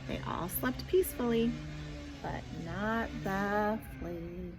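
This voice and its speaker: A woman reading a picture book aloud to children in a sing-song, dramatic way, often dropping to a hushed near-whisper. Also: takes it slowly, music in the background. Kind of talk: expressive children's story read-aloud. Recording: clear background noise, vehicle-like rumble.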